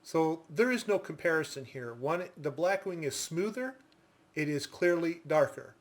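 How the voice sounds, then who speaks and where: A man giving a casual product review in a deliberate, explanatory manner. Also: fairly high pitch, animated.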